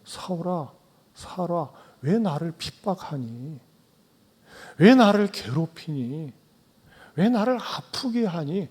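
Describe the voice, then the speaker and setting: A pastor lends his voice to Jesus, a gentle man who calls out softly with reproachful, appealing questions. The high, quiet voice rings through a hall with a long reverb. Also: very animated, slow pace, long pauses, husky, heavily acted. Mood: pleading.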